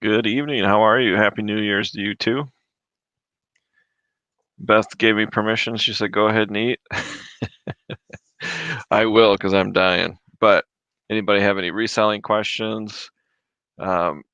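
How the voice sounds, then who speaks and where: A livestream host from Michigan, USA, answers reseller questions from home, reading viewer comments aloud and chewing as he chats. His low voice has a bright, forceful edge, fairly even intonation, slow pacing and long pauses. The desk mic gives a dry, close, rough sound that drops off when it's moved away.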